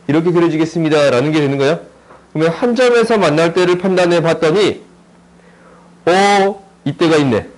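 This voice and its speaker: A man with a fairly high voice teaching a math class. He talks in a chatty, joking way and keeps checking in with his students through short questions as he works through the problem. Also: poor audio. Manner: jokey, chatty, asks students lots of tag questions. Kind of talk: recorded math lesson.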